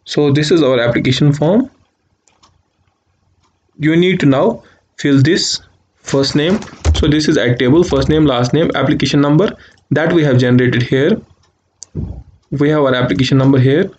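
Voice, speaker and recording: A man's voice: fairly high pitch, normal speed, long pauses, a little mellow, highs cut off. A man hosting a channel, talking viewers through a screen-recorded walkthrough step by step, repeating short click-by-click instructions. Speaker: channel host. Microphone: voice-over over screen capture.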